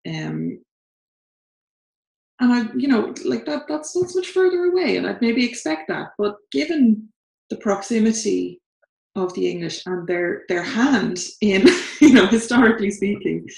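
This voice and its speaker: Animated yet unhurried, a woman with a medium-pitched, creaky, darkish voice co-hosts a casual chat at home. She's Irish, in her thirties, with an Irish accent, and talks earnestly and thoughtfully, laughing between points. The far-off camera catches lots of living-room echo.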